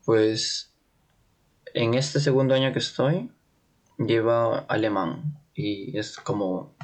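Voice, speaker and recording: A young man from Peru speaking Spanish in a casual interview, often pausing to search for words and laughing lightly as he explains his training. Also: fairly low pitch. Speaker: interview guest, trainee in Germany.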